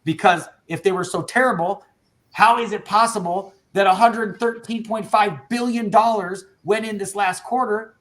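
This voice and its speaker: This man owns an insurance agency and is coaching his agents by video call in an energetic, laid-back way, full of enthusiasm and slang like "dude" and "bro." His voice sits high, and he talks at a normal speed.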